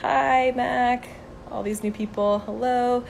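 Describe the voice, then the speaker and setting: Her voice sits a little high and a little mellow, slow with vocal fry and fairly even intonation, as this twenty-something woman from Venezuela chats casually on a live stream. She answers viewers upbeat and filler-heavy, filming herself on a phone at arm's length outside by a brick wall, and a little hiss or hum can be heard.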